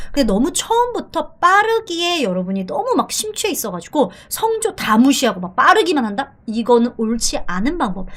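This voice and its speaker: A middle-aged woman teaches an online language lesson in a high, bright voice that swings widely up and down. She is lively and drills practice phrases slowly, one after another.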